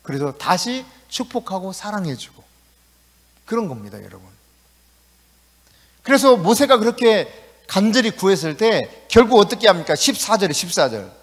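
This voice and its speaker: Animated preacher in a ringing church. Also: male voice, high voice, normal speed, pauses often. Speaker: pastor. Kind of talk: sermon. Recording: echoey church hall.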